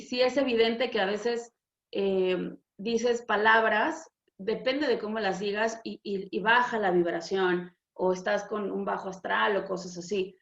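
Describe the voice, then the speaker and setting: A Mexican woman hosting a spiritual channel, talking frankly and expressively in a casual way, with some swearing. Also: a little high. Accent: Mexican Spanish. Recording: echoey room, dull lo-fi sound.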